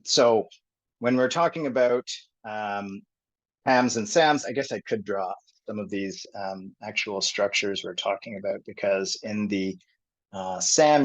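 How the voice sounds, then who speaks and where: A man presenting a technical topic on a group call, thinking aloud with many pauses and fillers. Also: on the low side. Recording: dull lo-fi call audio.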